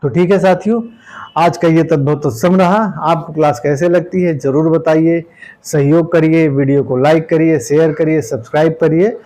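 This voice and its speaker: A man with a somewhat high voice teaches a Hindi grammar class for exam students. He explains patiently with homely everyday examples. He goes word by word, repeating each one slowly and dropping "okay" after nearly every point. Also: fairly even intonation, mellow, low-quality recording. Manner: repeats words slowly, tags lines with "ठीक है". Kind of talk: exam-prep grammar lesson.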